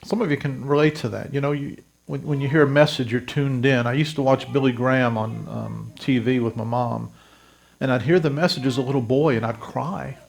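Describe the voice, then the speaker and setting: A man's voice: mid-range voice, fairly even intonation, brisk, vocal fry. A pastor in his fifties from South Louisiana, telling his life story to a congregation in an earnest, direct way. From South Louisiana, USA. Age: 50s. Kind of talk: testimony sermon.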